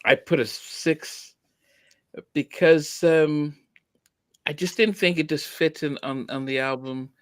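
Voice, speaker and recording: A man's voice: a little high, fairly even intonation, slow pace, dry recording. A man hosting a podcast, chatting casually about an album with lots of restarts. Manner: hesitant, many restarts and fillers. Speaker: podcast host. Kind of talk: casual music review chat.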